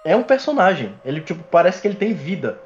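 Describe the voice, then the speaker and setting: A man's voice: high voice, big pitch swings, quick pace. A man with a Brazilian accent chatting casually as a podcast co-host, slangy and often repeating words as he goes. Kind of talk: casual chat. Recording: dull lo-fi mic, music behind.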